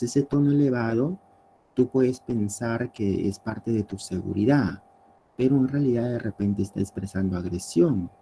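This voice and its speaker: A man's voice: mid-range voice, dark tone, slight background noise, poor audio. A male teacher lecturing a class, explaining step by step and often ending points with tag questions.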